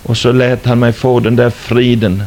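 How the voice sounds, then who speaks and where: A man's voice: mid-range voice, flat delivery, a little mellow, a little hiss or hum. An older man, a former stage entertainer, telling his religious testimony as a dramatic storyteller who likes rhetorical questions.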